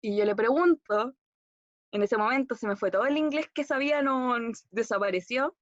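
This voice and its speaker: A woman's voice: fairly high pitch, moderate pace, dry recording. A young woman with a Chilean Spanish accent tells a personal story as a class monologue, hesitant and rambling with fillers and restarts. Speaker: acting student. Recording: dull, dry recording.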